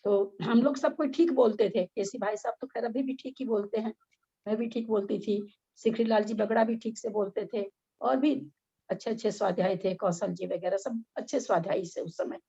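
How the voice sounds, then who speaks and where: A woman's voice: mid-range voice, normal speed, gravelly, dark tone, breathy edge, highs cut off. A middle-aged woman teaching an online scripture study class, her voice strained and weak, talking with effort and scolding at times. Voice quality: strained, weakened voice. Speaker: religious study group teacher. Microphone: video call.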